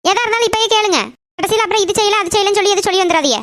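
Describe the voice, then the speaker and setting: A woman's voice: very high-pitched, rapid-fire, no room sound. A woman voicing a sulky, greedy mother in a cartoon who grumbles over a match. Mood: grumbling. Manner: grumbling, sharp retorts.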